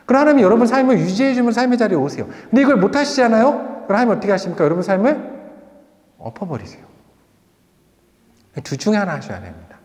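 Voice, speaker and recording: A male pastor preaching a sermon, telling a personal story with lively rhetorical questions, then leading a prayer. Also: sits high, big-room sound. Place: church sanctuary.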